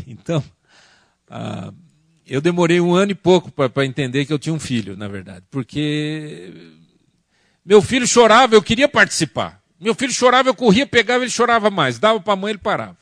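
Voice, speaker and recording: Brazilian guy preaching at a church family workshop, voice jumps all over, pretty high, dry sound. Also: a little fast, creaky, no echo. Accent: Brazilian Portuguese. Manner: animated, acts out quoted family arguments. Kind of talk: lively church talk with audience questions. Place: church conference hall.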